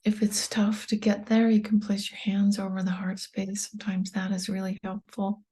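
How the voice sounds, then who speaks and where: A meditation guide and tapping coach speaks in a breathy, mellow, medium-pitched voice. She is soft and calm, holding an even, gentle line with little rise or fall, and leaves unhurried pauses between short instructions.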